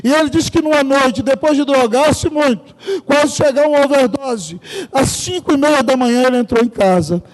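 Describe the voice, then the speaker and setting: A man's voice: very high-pitched, moderate pace. A man preaching a sermon as pastor, telling stories emphatically and turning often to the congregation. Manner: emphatic storytelling, often addressing the congregation directly. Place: church sanctuary. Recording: long church hall reverb.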